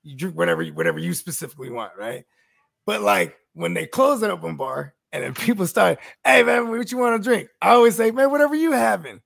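Rambling co-host, thirties man, husky and gravelly, quick chatter. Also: high-pitched, sing-song, fairly bright tone, no echo, clean studio sound. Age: 30s. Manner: rambling storyteller, fillers like "you know what I mean". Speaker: podcast co-host. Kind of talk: casual chat.

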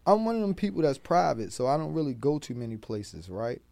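A man with a Baltimore accent, a podcast guest telling street-smart stories in a casual, profane, animated way. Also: medium pitch, fairly quick, creaky, dry recording. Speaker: guest, rapper and food truck owner.

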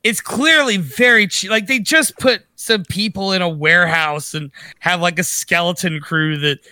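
A man co-hosting a podcast in casual chat, animated and rambling with restarts. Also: sits high, moderate pace, dry recording. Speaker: podcast co-host.

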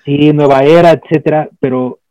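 Warm, dark-voiced Mexican male host. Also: fairly high pitch, fairly even intonation, moderate pace. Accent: Mexican Spanish. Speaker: interview host. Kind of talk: casual interview conversation. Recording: dull lo-fi sound.

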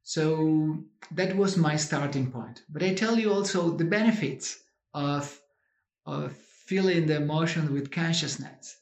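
Argentine-accented man speaking in an echoey room. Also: a little high. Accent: Argentine Spanish. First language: Spanish. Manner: halting, simple phrasing in second-language English. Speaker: conference speaker. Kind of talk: informal conference talk, personal account.

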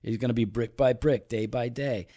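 A man's voice: mid-range voice, steady tone, normal speed, mellow. Man, forties, podcast co-host, jokey but sincere Bible teacher. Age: 40s. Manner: teasing, jokey, then earnest teaching. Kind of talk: casual faith discussion.

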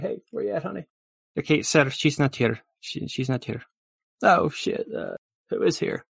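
A man voicing a brash male political candidate in improv comedy, rambling through a crude campaign pitch. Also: vocal fry, breathy edge, no echo, heavily acted.

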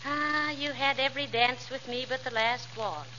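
A woman playing a wry, affectionate, gently chiding wife in a 1940s radio comedy. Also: high-pitched, moderate pace. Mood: fond, teasing. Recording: dull, faintly noisy vintage radio recording.

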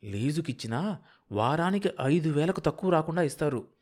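A man voicing a sharp-tongued, scheming middle-aged wife who scolds her husband. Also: on the high side, animated, moderate pace. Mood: scolding. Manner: bossy, impatient, scolding.

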